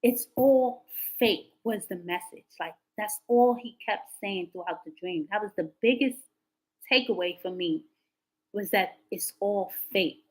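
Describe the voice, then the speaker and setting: Young woman rambling on her tarot livestream, lots of um and like, gets loud and high when hyped. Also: a little slow, low-quality recording. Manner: chatty, rambling storyteller with many fillers; animated, pitch jumps up when excited. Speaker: tarot reader hosting a live stream. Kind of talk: casual live-stream chat to viewers.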